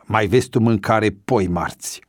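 A man voicing a hot-tempered, bullying police sergeant who shouts threats in an audiobook story. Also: on the low side, no echo, studio quality, close to an everyday voice. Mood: raging.

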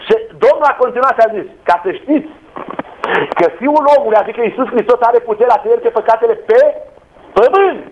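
High-voiced impassioned man preaching. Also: animated. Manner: impassioned, rising to shouts, retelling scripture with quoted voices. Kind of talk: sermon. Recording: dull lo-fi sound with faint noise.

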